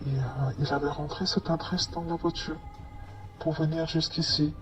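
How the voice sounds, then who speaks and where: A man's voice: on the high side, steady tone, moderate pace, faint music behind, low-quality recording. A man telling a first-person story in a hesitant way, with many fillers and restarts. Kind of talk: first-person testimony narration.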